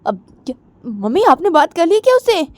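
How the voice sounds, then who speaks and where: A woman's voice: sits high, a little slow, dark tone, no room sound, pitched above the performer's own voice. A woman voicing Jiya, a hot-tempered young woman snapping and ordering people away. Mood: irritated.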